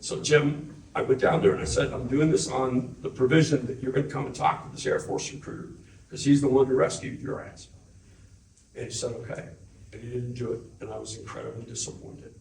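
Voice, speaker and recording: A man's voice: mid-range voice, brisk, creaky, recorded from a distance, slight background noise. Older man telling family stories, echoey room. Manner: animated storyteller, acts out quotes with a laugh. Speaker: interviewee remembering his brother. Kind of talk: casual storytelling. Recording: echoey room, voice a bit off-mic.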